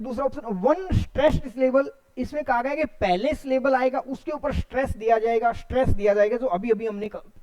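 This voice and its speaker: A man's voice: very high-pitched, darkish tone, no room sound. Hindi-speaking male teacher explaining exam questions. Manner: explains step by step, repeats key terms, asks and answers his own questions. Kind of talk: exam prep lecture.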